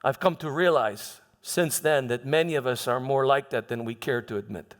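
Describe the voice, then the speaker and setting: Playing a troubled Roman governor, a man delivers a church monologue in the first person, looking back on his past with halting delivery, repeated words and emphatic pauses. The mood is grave and reflective. His mid-range voice sounds close to an everyday one, and the hall carries a long, echoing reverb.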